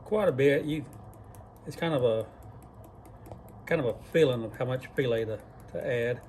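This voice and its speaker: A man's voice: mid-range voice, normal speed, a little mellow, a little hiss or hum. Folksy man cooking in a barn. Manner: folksy, rambling, self-deprecating. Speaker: cooking channel host. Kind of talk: casual cooking vlog. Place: barn workshop where deer are cleaned.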